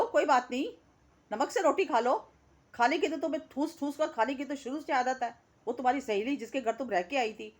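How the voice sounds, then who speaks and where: High-voiced woman scolding a creator. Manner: scolding, indignant, repeats words for emphasis. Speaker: reaction vlogger. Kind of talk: scolding reaction commentary.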